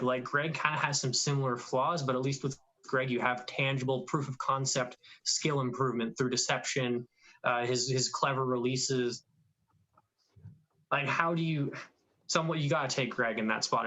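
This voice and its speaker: A man co-hosting a live draft stream, giving opinionated, animated analysis. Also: medium pitch, low-quality recording. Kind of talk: live draft commentary chat.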